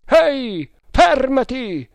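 A man voicing hostile soldiers on a riverbank, bellowing slow, drawn-out commands. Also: extremely high pitch, big pitch swings, creaky, smooth, no room sound, studio quality, pitched above the performer's own voice, heavily acted. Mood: shouting. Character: hostile shouting soldiers on shore, men.

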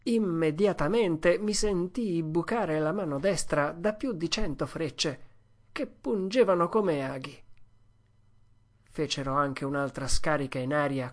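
Audiobook narrator, first-person story reading, steady, expressive, mid pitch. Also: measured pace.

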